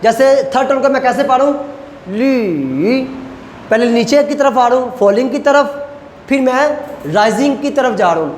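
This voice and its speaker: A male teacher gives a recorded classroom lecture, going over each point slowly and repeating sounds for his students. The room is echoey and the reverb lingers. A faint hum sits behind his voice. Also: very high-pitched. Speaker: language teacher.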